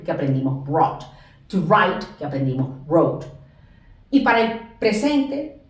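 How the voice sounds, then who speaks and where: A woman English teacher explaining grammar in a classroom lesson, repeating examples slowly and lifting her voice on the English words. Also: lowish voice. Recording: echoey room, distant mic.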